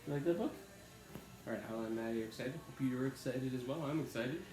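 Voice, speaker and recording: A man reads a picture book aloud to young children, stopping for friendly, chatty asides. His voice is mid-pitched and plain. It sits in an echoey room with music playing clearly behind. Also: fast, a little mellow. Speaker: teacher reading aloud.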